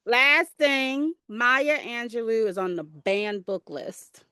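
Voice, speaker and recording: A woman hosts a casual podcast interview in a laid-back, teasing way. She speaks slowly. Her voice sounds dry and close, with no room echo. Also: on the high side, bright, forceful tone, clean tone. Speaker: podcast host.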